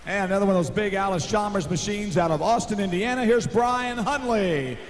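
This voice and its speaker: An American man working as an arena announcer, introducing competitors in a rousing, projected voice with drawn-out names. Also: high voice. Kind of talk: driver introductions at a tractor pull show. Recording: noisy live arena PA recording.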